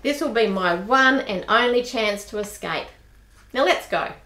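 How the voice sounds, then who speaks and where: In a homemade radio drama, a woman plays a brisk, bossy spinster bank clerk in her forties who comes across as bold. Her voice is lively and fairly high, her delivery matter-of-fact, and the room echoes around her.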